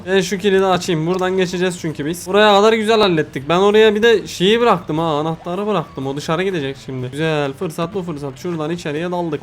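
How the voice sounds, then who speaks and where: A man with a high voice rattles through let's play commentary at a fast clip. He is excitable, talks straight to the characters on screen and swears often. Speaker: gaming video host.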